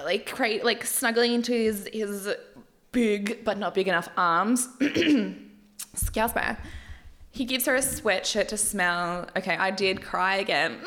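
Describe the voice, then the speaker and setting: A young woman chats her way slowly through a recap on her podcast, unhurried and a bit worn out. She is candid and laughs easily, and she drops swear words without a second thought. Her pitch sits right in the middle. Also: fairly bright tone. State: tired. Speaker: podcast host recapping a dating show. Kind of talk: casual chatty recap.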